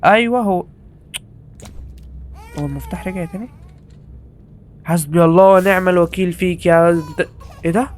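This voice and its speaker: A man's voice: high voice, normal speed, long pauses. Joking Egyptian man playing a horror game. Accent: Egyptian Arabic. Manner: joking, teasing the game characters, exclaiming. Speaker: gaming YouTuber. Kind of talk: comedic horror game commentary.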